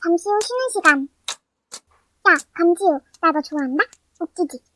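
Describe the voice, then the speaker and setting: Sped-up, very high-pitched female voice. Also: expressive, normal speed, a bit bright, a little hiss or hum. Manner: playful, exaggerated tongue-twister delivery. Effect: sped up to 130 percent. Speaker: storyteller voicing her own slime skit. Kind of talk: fast comic skit narration.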